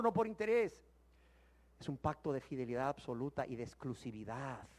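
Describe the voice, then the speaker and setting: A man teaching the Bible in sermon style, emphatic and full of rhetorical questions, swinging from loud exclamations to hushed words. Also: a little high.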